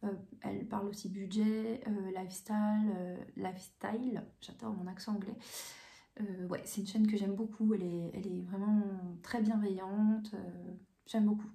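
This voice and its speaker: A woman hosting her coloring channel, chatting casually in answer to viewer questions at home, calm and hesitant with many fillers and restarts. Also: mid-range voice, moderate pace, creaky. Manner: calm, even delivery. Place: home room with bookshelves. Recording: roomy echo.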